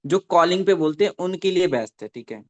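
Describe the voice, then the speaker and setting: A man running a live online training session for network marketing, dictating points slowly and checking in with listeners after nearly every sentence. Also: high voice, expressive, a little mellow, lo-fi sound. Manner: dictates slowly for note-taking.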